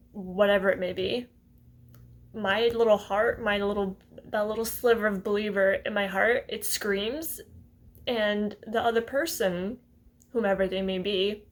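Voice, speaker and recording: A woman in her twenties talking casually to her viewers, hesitant and rambling, often breaking into small laughs. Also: mid-range voice. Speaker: vlogger. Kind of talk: casual talk to camera.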